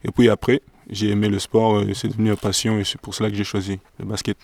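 A man's voice: lowish voice, monotone, quick pace, vocal fry, darkish tone, no echo, studio quality. A young man from DR Congo, a professional basketball player answering interview questions hesitantly and searching for words.

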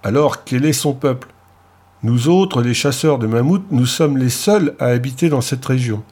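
A man's voice: mid-range voice, normal speed, a little mellow, breathy edge, close to an everyday voice. A man voicing a giant, jovial male clan chief who talks bluntly and heartily in an audiobook story. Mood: curious.

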